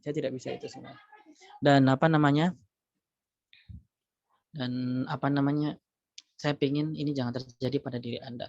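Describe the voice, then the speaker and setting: Gravelly man preaching over a video call. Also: medium pitch, flat delivery, normal speed, pauses often, darkish tone, dry recording. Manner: emphatic, preachy, many rhetorical questions. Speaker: lecturer giving a motivational talk. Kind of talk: religious motivational talk to students. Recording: dull lo-fi video call audio, dry.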